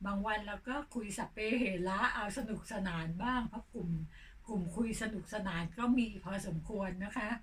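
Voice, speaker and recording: Older lady vlogging, hoarse voice, slow easy chat, mic a bit far off. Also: medium pitch. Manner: slow, unhurried talk. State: hoarse, coughing. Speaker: channel host. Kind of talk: casual vlog chat. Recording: distant mic with faint noise.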